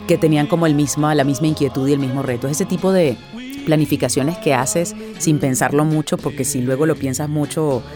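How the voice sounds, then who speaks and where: A middle-aged Venezuelan voice actress with a low voice answers interview questions reflectively. She often restarts her sentences and tacks questions onto the ends of them.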